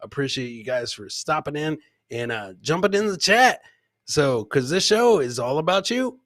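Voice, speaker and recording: A middle-aged man with a fairly high, very animated, slightly bright voice talks at normal speed while hosting a live comedy show. He banters casually with chat, reacts to clips, and repeats phrases hype-man style. The recording is dry and clean-studio, via a close boom podcast mic or headset.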